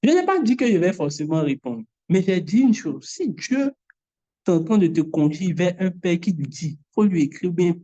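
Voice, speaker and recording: A woman preaching a sermon in a lively way, acting out the voices she quotes. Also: on the low side, normal speed. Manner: animated, mimics voices. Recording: dull lo-fi sound.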